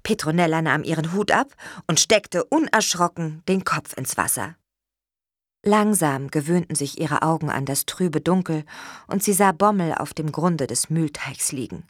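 A woman reading a children's storybook aloud in a gentle, expressive way. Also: deep voice, moderate pace, dry recording, studio quality. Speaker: narrator.

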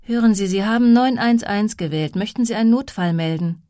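A woman voicing a tired emergency dispatcher who answers calls in a trained, flat phone voice. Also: medium pitch, brisk, dry recording, clean studio sound, close to an everyday voice. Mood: calm, formal.

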